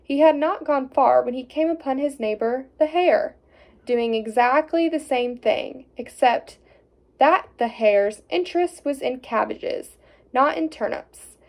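A woman reading a fairy tale aloud in an expressive storytelling way, with small slips. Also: high-pitched, measured pace.

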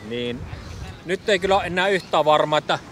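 Slightly high, expressive, and fairly bright, the voice belongs to a middle-aged man from Finland vlogging his sailing trip. He thinks aloud with plenty of fillers to an action camera mounted on the boat, sitting outdoors in the cockpit under a canopy as wind and water noise carry behind him.

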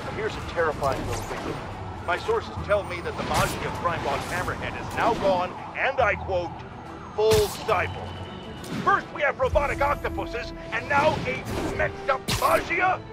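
An actor playing an indignant middle-aged tabloid radio commentator, sensational and scornful like a gossip columnist. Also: male voice, high voice, expressive, moderate pace, over loud music. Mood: exasperated, ranting. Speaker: talk show host. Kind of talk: opinionated radio show commentary.

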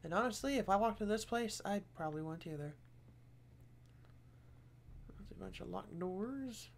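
A man's voice: sits high, animated, moderate pace, creaky, a little hiss or hum. A man casually commenting as he plays a game, muttering self-deprecating asides. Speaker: game streamer.

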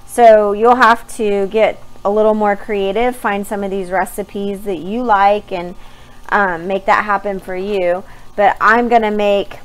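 A woman's voice: medium pitch, steady tone, measured pace, poor audio. A young woman chatting casually to camera while she cooks and preps meals in her home kitchen, upbeat and talkative with her hands busy. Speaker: vlogger sharing meal prep. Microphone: phone camera propped on a counter.

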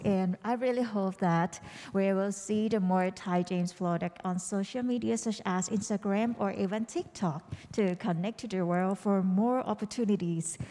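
A woman's voice: mid-range voice, darkish tone. Woman emcee, formal announcing, handheld mic, reverberant hall. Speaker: event emcee. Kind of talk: live event hosting.

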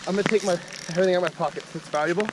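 A young man talks fast and keeps cheering his friend on, tossing out practical tips. His voice runs a little high. He is outdoors by the water, with heavy rain loud behind him. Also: background noise. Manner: quick, encouraging, offers tips. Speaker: fishing companion. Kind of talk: casual chat. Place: outdoors on a rainy lakeshore.

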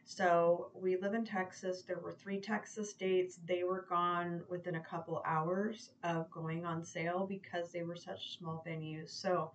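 Lower-voiced young woman, informal and enthusiastic, talks through a song review. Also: muffled recording, a little hiss or hum. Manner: gushing, informal, swears casually. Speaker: music reaction reviewer. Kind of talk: casual chat.

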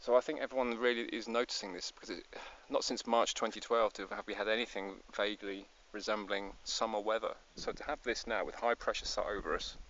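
A man's voice: lowish voice, fairly even intonation, fairly quick, few pauses, fairly bright tone. Chatty Scottish man vlogging outdoors. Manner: chatty, rambling, self-deprecating. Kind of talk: casual outdoor vlog chat. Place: outdoors on hills while biking. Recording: slightly dull outdoor recording, faint noise.

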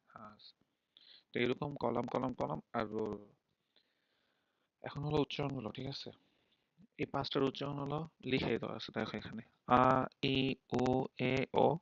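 A man's voice: mid-range voice, vocal fry, no echo. A man teaching a beginner class in a live online stream, explaining step by step in a patient way and often checking in with the learners. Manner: mixes English words into speech. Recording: dull lo-fi dry mic.

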